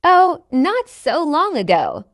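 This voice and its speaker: A woman reading a friendly learner's part in a scripted practice dialogue for English learners, speaking slowly and carefully enunciating each line. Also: high-pitched, wildly swooping pitch, no room sound, studio quality, heavily acted. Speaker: dialogue reader.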